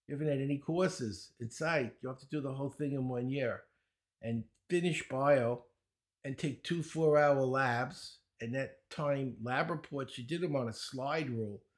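Speaking in a mid-range voice, this older Brooklyn, New York man is a speed-reading teacher answering casual interview questions as a guest. Full of wisecracks, he laughs at his own jokes and rushes through his credentials.

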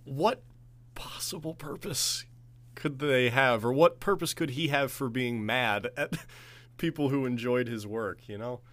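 A man's voice: mid-range voice, measured pace, fairly bright tone. A young man co-hosting a casual podcast, dropping dry, wry asides as he discusses an episode. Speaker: podcast co-host. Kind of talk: casual chat reviewing an audio drama episode.

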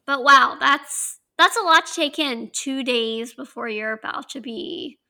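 A woman in her twenties with a Southern accent, co-hosting a podcast in casual chat, chatty and quick to laugh. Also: high voice, gravelly, sharp tone, low-quality recording. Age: 20s. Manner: chatty, laughs often, draws out words. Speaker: podcast co-host.

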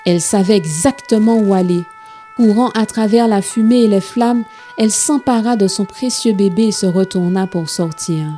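Mellow-voiced woman reading to children. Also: mid-range voice, moderate pace, soft background music. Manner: gentle, expressive reading. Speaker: children's storyteller.

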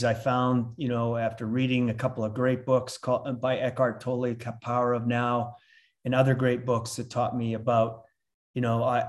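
A man's voice: mid-range voice, darkish tone. Reflective Canadian-born older man. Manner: reflective, with frequent fillers and restarts. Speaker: podcast guest, coach. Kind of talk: casual interview chat.

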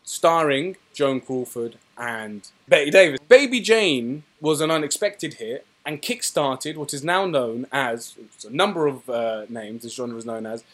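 A man's voice: mid-range voice, expressive, a little slow, few pauses, a bit bright. A male podcast host with a mid-range voice. He presents films in a narrated style, as if introducing an episode.

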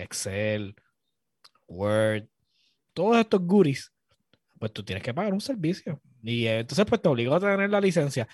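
A Puerto Rican man in casual chat as a podcast co-host, animated, restarting his sentences and swearing when worked up. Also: sits high, dry recording, studio quality.

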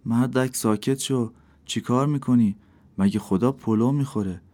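A man voicing a stern prophet figure who scolds in a slow, forceful way. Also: mid-range voice, voice pushed up, natural voice. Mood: scolding.

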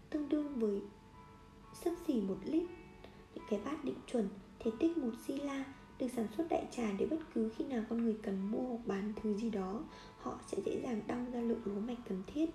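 A woman reading a nonfiction book aloud in a steady, measured way, now and then correcting a slip. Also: fairly high pitch, reverberant. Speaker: audiobook reader.

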